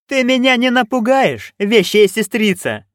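A man voicing a haughty, scornful duchess in an audiobook, high, sharp and commanding. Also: sing-song, a little slow, no room sound, studio quality, heavily acted. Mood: defiant. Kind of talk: audiobook reading.

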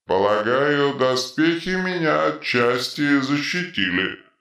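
A man voicing a huge troll who has suddenly become clever, speaking in slow, measured, pedantic phrases. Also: fairly high pitch, lively intonation, bright, forceful tone, echoey room, full character voice. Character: huge male troll, suddenly brainy and precise.

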